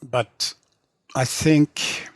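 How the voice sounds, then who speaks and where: An English translator and novelist in middle age speaks casually in an interview, halting with plenty of restarts and "you know" fillers. The sound is clean studio audio with no room sound.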